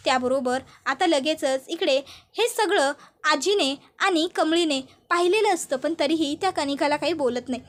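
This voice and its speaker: A woman's voice: sits high, normal speed. A woman narrating a TV serial episode in a chatty, descriptive way, ending with a channel sign-off. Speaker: storyteller.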